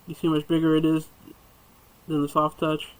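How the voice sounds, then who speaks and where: A man's voice: fairly high pitch, monotone, brisk, rough recording. A man chatting casually while he crochets and reviews hooks on camera, rambling and muttering asides to himself.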